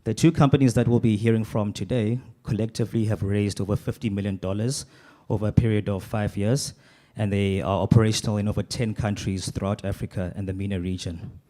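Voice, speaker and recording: A man moderating a panel, giving a formal, measured introduction read from notes. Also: lowish voice, steady tone, mellow. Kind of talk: scripted event introduction.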